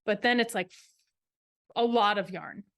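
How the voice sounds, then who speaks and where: On a knitting podcast she co-hosts, a woman speaks at a medium pitch and a little slowly. Her talk is casual show-and-tell, wandering as she thinks aloud.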